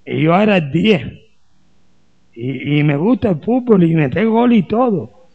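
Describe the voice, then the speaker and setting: A man's voice: high-pitched, animated, a little slow, phone-quality sound. A man from Colombia, a pastor preaching a sermon with humor and rhetorical questions.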